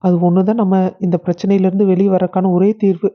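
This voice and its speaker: A woman playing a calm reasoning husband. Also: mid-range voice, fast, close to an everyday voice. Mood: soothing. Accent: Kongu Tamil. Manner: soothing and reasoning. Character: calm sensible elder son and husband. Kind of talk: family drama acting. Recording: dull lo-fi recording.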